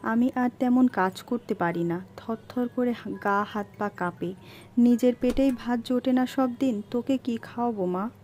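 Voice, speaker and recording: A woman's voice: fairly high pitch, unhurried, darkish tone, lo-fi sound, slight background noise, lightly acted. A woman voicing a frail, stooped old village mother in an audiobook, worried and tender, with a quavering, pleading manner. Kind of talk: audiobook character voice.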